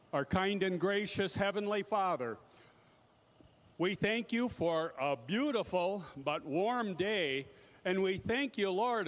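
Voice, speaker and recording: Male chaplain, high voice, slow and solemn public invocation, deliberate phrasing. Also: a bit bright. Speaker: track chaplain. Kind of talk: public prayer.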